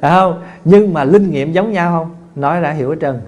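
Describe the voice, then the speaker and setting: Chatty monk giving a talk. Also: male voice, a little high, moderate pace. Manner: folksy and conversational, with many fillers and restarts; tells lively anecdotes with laughter. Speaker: Buddhist monk teacher. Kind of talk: dharma talk answering questions.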